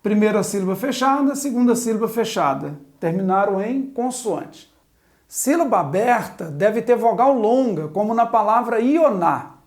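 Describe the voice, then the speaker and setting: A woman's voice: medium pitch, animated, normal speed, darkish tone. A woman teaching a Biblical Hebrew grammar lesson at a chalkboard, methodically spelling out letters and vowels one by one. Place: classroom with a chalkboard.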